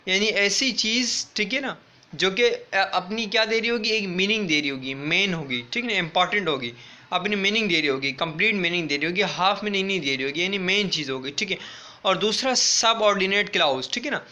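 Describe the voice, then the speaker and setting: A man's voice: high voice, a little fast, bright, forceful tone. A male school English teacher giving a recorded class lecture. He speaks patiently, repeats himself, spells words out letter by letter and keeps checking in with his students. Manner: patient, repetitive, checks in with "theek hai" often.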